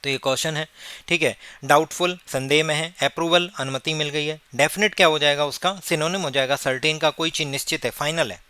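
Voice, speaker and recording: A man's voice: a little high, fairly quick, bright, forceful tone, smooth, dry recording. A man teaching exam vocabulary, explaining word meanings step by step with English definitions mixed in.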